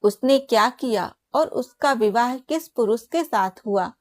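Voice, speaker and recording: Woman reading as a curious devout male sage, unhurried, reverent questions, dry voice. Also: fairly high pitch, expressive, no echo.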